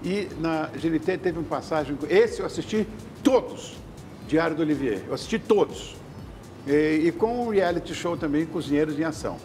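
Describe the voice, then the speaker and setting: A man's voice: fairly high pitch, expressive, moderate pace, a little mellow, slight background noise. An older man hosting a morning TV talk show, effusive and jokey with his guests. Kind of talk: casual studio chat. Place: TV studio kitchen set.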